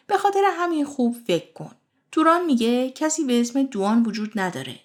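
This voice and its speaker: A woman hosting her channel, narrating a television episode recap and reading out the characters' dialogue with lively shifts of tone. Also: a little high. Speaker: channel host recapping a TV series.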